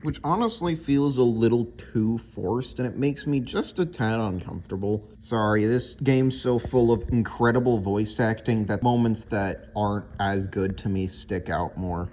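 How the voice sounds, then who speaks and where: A man's voice: fairly low pitch, moderate pace, hardly any pauses, a little mellow, slight background noise. A man hosting a video, giving casual scripted ranking commentary. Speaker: video host.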